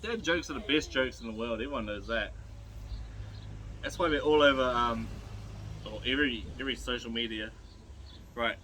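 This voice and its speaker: A man's voice: mid-range voice, normal speed, long pauses, pushed and bright, a little hiss or hum, rough recording. A middle-aged man with a broad New Zealand accent, chatting casually and giving laid-back, colloquial instructions as he works. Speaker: host demonstrating butchery to viewers. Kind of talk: casual chat while working.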